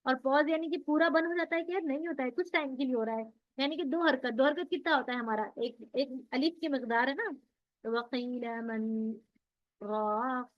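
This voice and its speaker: Woman, high voice, patient teacher, asks and answers her own questions, dull lo-fi audio. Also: fairly quick. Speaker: Quran recitation teacher. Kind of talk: online class lesson.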